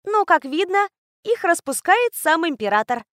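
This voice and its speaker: A small, sharp-tongued young woman fires off mocking comebacks in a raised, bright voice, put on by a woman reading the story. The sound is dry and close. Her teasing never lets up. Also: very high-pitched, big pitch swings, normal speed, no echo, pitched above the performer's own voice, full character voice.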